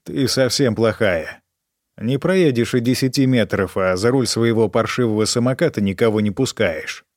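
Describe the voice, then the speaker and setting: Man doing a weary, bitter man, flat voice. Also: medium pitch, normal speed, no echo, studio quality, natural voice. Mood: curt. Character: weary, bitter man, tender then cold.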